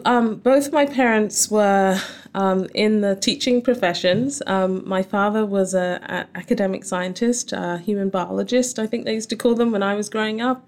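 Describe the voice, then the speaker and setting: A woman's voice: medium pitch, darkish tone. A middle-aged woman from southern England with a home counties accent, answering interview questions in an articulate, explanatory, conversational way. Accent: southern English, home counties. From Surrey, southern England. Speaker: interview guest, company chief scientist. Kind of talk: conversational interview answers about personal background.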